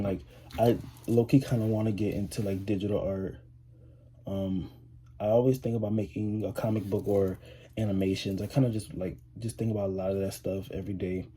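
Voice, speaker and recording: Talking to camera, an 18-year-old high school vlogger rambles casually, restarting often and using lots of fillers. He has a lowish, mellow voice that's slightly rough.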